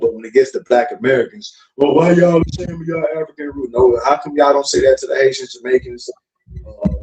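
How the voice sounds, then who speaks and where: In a laid-back podcast chat, a host from South Florida holds forth loosely and curses without restraint. He has a medium-pitched voice with a darkish tone, picked up by a faraway mic with a faint hiss.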